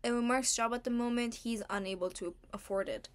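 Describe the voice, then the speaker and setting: A young woman with a fairly high voice narrates in a casual storytelling style. She is informal and chatty, slipping slang into her voice-over as she goes. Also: fairly quick. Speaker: artist narrating own original characters.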